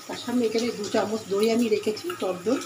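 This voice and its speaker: Speaking a little fast, with a slightly high voice and fairly even intonation, a woman from Bengal runs a home cooking channel. She casually chats through every step while cooking in her kitchen, where the echo and cooking sounds are loud.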